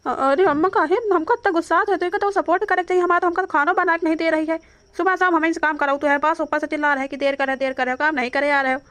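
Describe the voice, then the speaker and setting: A woman's voice: on the high side, level tone, a little fast, no echo, lightly acted. A woman voicing a harried grown son in a cartoon, speaking with an Awadhi accent and a complaining, exasperated manner. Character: grown son, harried young man, grumbling. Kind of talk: cartoon voice acting.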